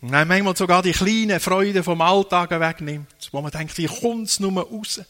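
A man's voice: high-pitched, normal speed, a bit bright. A man preaching a sermon, dwelling on phrases and repeating key words for emphasis.

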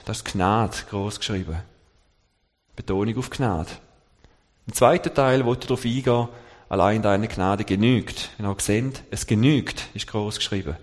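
Male lay preacher, halting delivery, slows on quotes; long hall reverb. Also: on the low side. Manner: halting, searching for words, slowing on scripture quotes. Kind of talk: sermon.

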